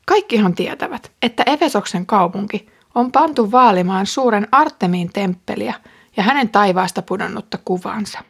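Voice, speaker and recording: A woman reading out the words of a male city clerk calming an angry crowd, in a firm, admonishing manner. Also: medium pitch, creaky, slightly rough.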